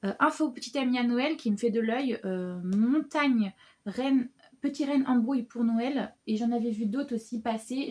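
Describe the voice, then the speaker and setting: A young woman talks through her winter reading list in a loose, animated way, full of little fillers and quick restarts. Her voice sits a touch high and stays friendly and conversational throughout. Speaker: book vlogger. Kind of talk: casual book haul chat.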